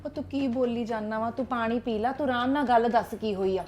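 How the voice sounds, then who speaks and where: A woman's voice: fairly high pitch, brisk, darkish tone, faint music behind, close to an everyday voice. A woman playing a fussing worried mother. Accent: Punjabi. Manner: fussing, soothing. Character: worried mother of a grown son.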